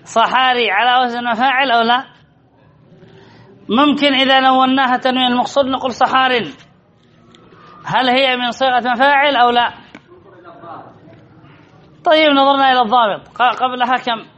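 A man's voice: very high-pitched, steady tone, normal speed, pauses often, bright, forceful tone, dull audio. A man teaching Arabic grammar to a class, quizzing students and repeating key phrases. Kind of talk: classroom lesson with questions to students.

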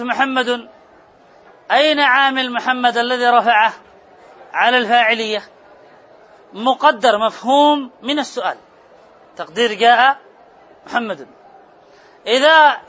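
A man's voice: very high voice, sharp tone. A man teaching a grammar class, repeating key terms and quizzing his students. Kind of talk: classroom lecture. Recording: muffled classroom recording with murmur.

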